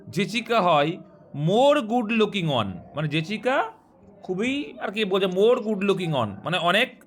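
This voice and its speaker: A man. He explains each rule patiently, then checks understanding with quick questions to the class. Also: high-pitched, a bit bright, slight background noise. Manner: explains step by step and quizzes students. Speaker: teacher. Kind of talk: grammar lesson.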